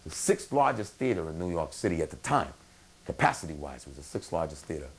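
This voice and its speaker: A man telling stories in a casual, animated way in a documentary interview. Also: rumbling low, fast.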